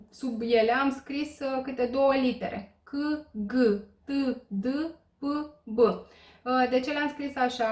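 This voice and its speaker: A woman explains a language lesson in a slightly high voice, pausing often on fillers and checking that her students follow. Her voice rings in an echoey room. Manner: hesitant, many filler pauses, checks in with listeners. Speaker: Korean language teacher.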